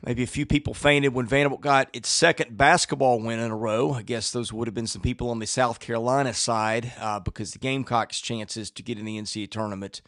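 A man's voice: mid-range voice, fairly even intonation, brisk, few pauses, a bit bright, no echo. Man, mid-range voice, sports podcast host, dry close recording.

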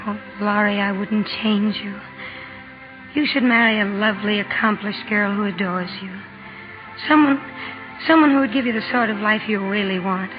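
An actress in a 1940s radio drama playing a blunt, spirited young tomboy who wants to write, with an emphatic, plain-spoken way. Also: female voice, mid-range voice, moderate pace, close to an everyday voice. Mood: sad, pleading. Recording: old lo-fi radio recording, music behind.

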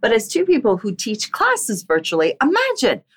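A woman's voice: a little high, wildly swooping pitch, normal speed, breathy edge. Bubbly woman co-hosting a podcast. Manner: bubbly, laughing often. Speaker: podcast co-host and HR trainer. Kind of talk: casual chat.

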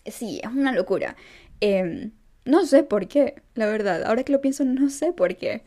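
A young woman talks casually to her followers in a mellow, warm voice. She is emphatic and chatty and laughs easily between points. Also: fairly high pitch, expressive, normal speed. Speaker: vlogger. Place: Los Angeles.

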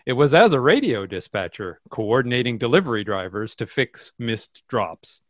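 A man acting out a pompous, self-absorbed radio host with fussy, overly precise diction, his voice swinging widely in pitch. He is recorded close and dry in a comedic radio sketch. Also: sing-song, normal speed, no echo, close to an everyday voice. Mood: self-satisfied.

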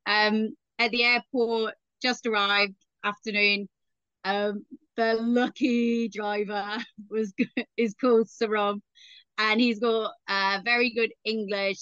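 A woman, a guest in a casual interview, telling stories in a chatty, lively way. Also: medium pitch, takes it slowly, clear, resonant tone, no echo, muffled recording. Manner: chatty, anecdotal, lively storyteller.

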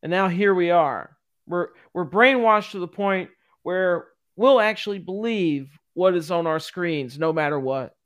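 High-voiced man chatting on a podcast. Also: measured pace, a bit bright, smooth. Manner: laughing, joking, chatty. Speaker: podcast co-host. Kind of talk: casual chat.

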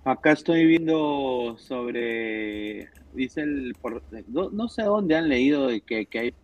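A man co-hosting a casual sports podcast, teasing his co-hosts and often trailing off into quiet mutters. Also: medium pitch, animated, slow. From Peru. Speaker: podcast co-host. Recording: dry, slightly muffled sound.

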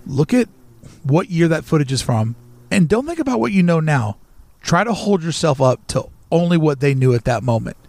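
A man co-hosting a podcast, talking in an animated storytelling way and acting out quick quoted voices. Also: a little high, creaky, dry recording. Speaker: podcast co-host. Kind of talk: casual chat.

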